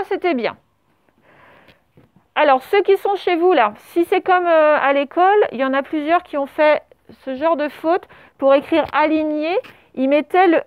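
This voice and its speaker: A woman teaching a primary school class, correcting a dictation and spelling words out letter by letter with patient pauses. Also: high voice, no echo. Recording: dull lo-fi sound.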